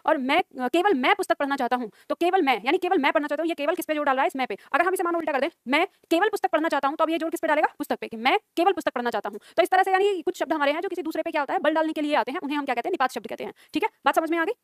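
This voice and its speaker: Woman teacher dictating grammar notes, talks quick, repeats stuff, asks the class questions. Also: high-pitched, no room sound, clean studio sound. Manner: dictates slowly, repeats lines, quizzes the class. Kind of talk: online exam-prep class, dictating notes.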